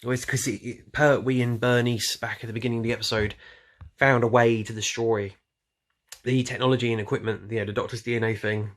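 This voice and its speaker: This YouTube reviewer, with a mid-range, fairly bright voice, gives an unscripted, casual take on an audio drama. He rambles loosely, frequently trailing off or correcting himself as he goes.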